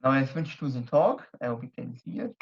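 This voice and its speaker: This young German man speaks English with a German accent in a medium-pitched, animated voice, a little fast and with vocal fry. Presenting a casual online talk with slides at a society members night, he hesitates with fillers and restarts. His computer mic on a video call yields dull lo-fi audio with a little hiss or hum.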